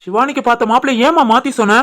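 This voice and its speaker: A woman's voice: on the high side, rapid-fire, fairly bright tone, natural voice. A woman voicing an earnest young husband. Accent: Tirunelveli Tamil. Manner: earnest, pleading. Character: earnest young husband and son, soft-hearted. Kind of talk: animated family drama.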